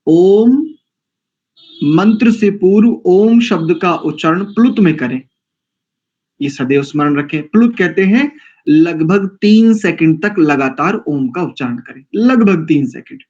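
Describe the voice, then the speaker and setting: A man's voice: a little high, animated, darkish tone, dull audio. A man teaching a scripture class, drilling mantra pronunciation syllable by syllable and quizzing his students. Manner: slow, deliberate, drawn-out mantra pronunciation drills; asks the class questions and corrects himself. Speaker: Vedic teacher.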